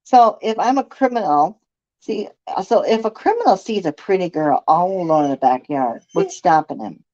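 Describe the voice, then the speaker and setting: Brief: a woman putting on a gossipy, condescending neighbor woman, lively pitch, muffled lo-fi recording. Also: moderate pace, close to an everyday voice. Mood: prying. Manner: chatty, condescending, prying. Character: nosy gossiping middle-aged woman neighbor.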